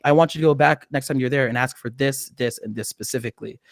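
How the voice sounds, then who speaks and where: A man's voice: medium pitch, fast talker, creaky, no room sound. A young man in his twenties, a medical student, talking on a video call through a studio mic. He explains things earnestly and laughs often. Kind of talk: casual interview by video call. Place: small indoor room. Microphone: studio mic with headphones on video call.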